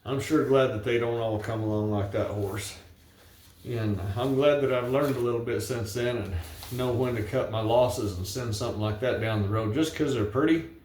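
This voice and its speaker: A man's voice: mid-range voice, normal speed, a little mellow, a little hiss or hum. A middle-aged man with a rural Western American accent and a folksy cowboy twang, reciting cowboy poetry and telling ranch stories in plain, colloquial speech. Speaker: cowboy poet and horse breaker. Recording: echoey, roomy sound.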